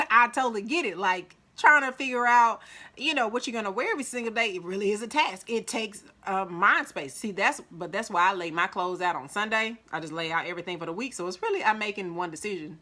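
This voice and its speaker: Mississippi lady vlogging advice, sharp bright voice, chatty, jumps way up in pitch when she quotes people. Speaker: vlogger giving life advice. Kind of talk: casual motivational talk to camera.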